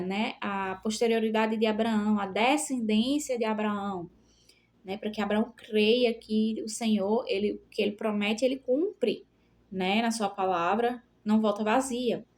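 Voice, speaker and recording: A woman's voice: fairly high pitch, a little mellow. A woman, reading Bible passages and explaining them in an informal study, often adding tag questions and fillers. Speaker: Bible teacher.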